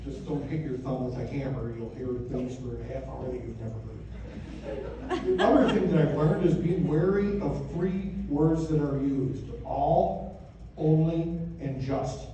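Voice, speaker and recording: Heard from a distance in a very echoey room with clear background noise, an American man in his fifties or sixties gives a father of the bride speech. His delivery is conversational and joking, built like storytelling, with emphatic punchlines. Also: on the high side, mellow, highs cut off. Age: 50s or 60s. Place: wedding reception room. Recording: echoey room from far off, noisy.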